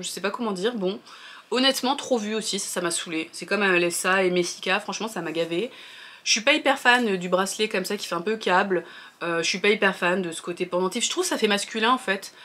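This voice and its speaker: A woman talking casually in a vlog review, chatty and hesitant, often pausing on fillers and restarting her sentences. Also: mid-range voice, a bit bright.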